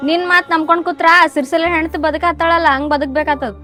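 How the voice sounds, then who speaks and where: A woman playing a defiant young village wife in a short film, with a North Karnataka Kannada accent, quick and sharp-tongued. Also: very high-pitched, steady tone. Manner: defiant and quick, turning fearful. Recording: film soundtrack with background music.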